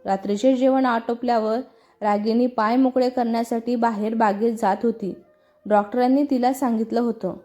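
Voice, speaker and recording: Mellow-voiced woman narrating a story. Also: a little high, steady tone, normal speed. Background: faint music.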